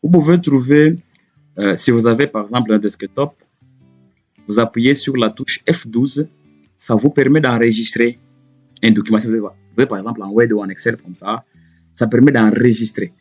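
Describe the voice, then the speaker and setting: A man's voice: medium pitch, normal speed, darkish tone. Man, computer teacher, step-by-step explanations, repetitive, faint background music. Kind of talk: spoken computer lesson.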